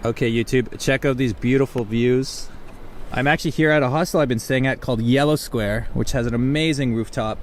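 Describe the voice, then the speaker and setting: A man's voice: mid-range voice, fairly quick. A male travel vlogger interviews people outdoors in a busy city. He asks friendly, curious questions into a handheld mic. A faint hum of the city sits behind him. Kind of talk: casual vlog narration and interviewing.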